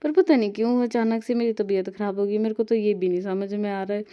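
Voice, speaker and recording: A woman's voice: medium pitch, fast talker, clean tone, dull audio. A young woman from Himachal, rambling chattily through a casual vlog voice-over. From Himachal Pradesh, India. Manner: rambling, chatty, self-correcting. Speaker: vlogger. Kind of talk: casual voice-over narration while editing.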